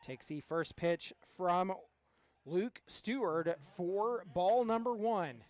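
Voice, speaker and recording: A man's voice: sits high, animated, slow. A man giving live play-by-play commentary as a baseball announcer.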